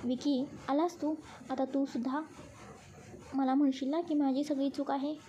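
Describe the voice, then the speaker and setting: A woman's voice: sits high, fairly even intonation, normal speed, dark tone, slight background noise, lightly acted. A woman voicing a teasing young boss. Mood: hurt, irritated. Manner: indignant, defensive. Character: young man, office boss, quick-tempered and teasing.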